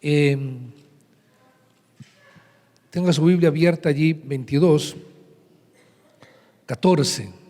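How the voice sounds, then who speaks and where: A man's voice: a little high, extremely slow, pauses often, dark tone. A man preaching as pastor, teaching and reading scripture aloud to a congregation, recorded live in a large church hall. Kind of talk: sermon.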